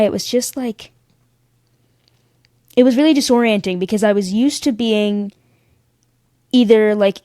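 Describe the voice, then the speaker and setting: A woman guest on a podcast, telling stories in a sassy, animated way and acting out the other people in them. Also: mid-range voice, clean tone, no echo, studio quality. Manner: animated, sassy, acts out voices in her stories. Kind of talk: casual storytelling chat.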